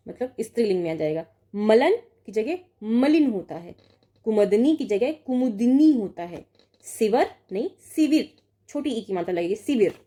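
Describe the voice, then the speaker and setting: In a warm voice on the high side, a young Hindi exam tutor runs an online prep lesson. She goes through word pairs aloud, fixing each and frequently checking in with students.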